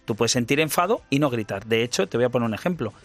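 Hombre explicativo con música suave de fondo. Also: male voice, medium pitch, expressive, a bit bright, faint music behind. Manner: measured, hesitant fillers. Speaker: parenting guest expert. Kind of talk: conversational explanation.

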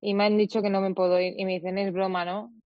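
A young woman from Spain, a guest in an interview, emotionally recounts a difficult personal experience, quoting many dialogues and restarting often. She talks fast in a mid-range voice with little pitch movement, and the audio is dull with no room sound.

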